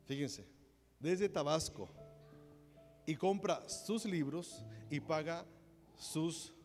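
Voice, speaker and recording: High-voiced Mexican pastor preaching in a hall. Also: male voice, extremely slow. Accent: Mexican Spanish. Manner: animated preaching, acting out quoted voices. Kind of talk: sermon. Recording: long hall reverb with faint music.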